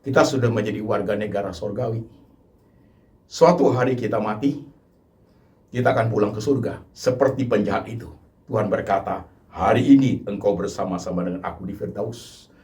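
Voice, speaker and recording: A man with an Indonesian accent preaching a Good Friday sermon, moving between hushed pleading and loud, impassioned appeals to the congregation. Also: lowish voice, normal speed. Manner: addresses congregation repeatedly as brothers and sisters. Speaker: pastor.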